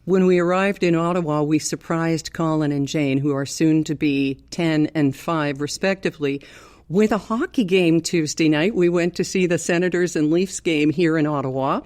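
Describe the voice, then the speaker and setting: Older Canadian woman chatting, low voice, towel over head. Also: normal speed, darkish tone. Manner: chatty, laughs easily. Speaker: podcast co-host. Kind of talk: casual chat. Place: hotel room, under a towel with pillows behind the mic.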